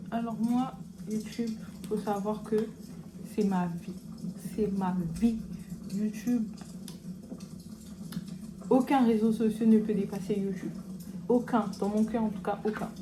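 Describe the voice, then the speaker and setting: Chatty young woman vlogging over noise. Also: on the high side. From French Guiana. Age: young adult. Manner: chatty, relaxed slangy asides. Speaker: beauty vlogger. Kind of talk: casual chat while doing makeup.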